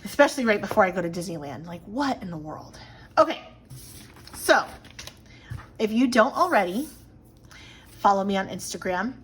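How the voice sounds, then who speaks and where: A woman's voice: medium pitch, animated, normal speed, pauses often. A woman in her thirties talks casually to her viewers at home, rambling with plenty of "like" and "um". Her mid-range voice has a slight frog in the throat. A faint hiss of room noise sits underneath. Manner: chatty, rambling with many fillers. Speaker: planner vlogger. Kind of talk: casual chat to camera.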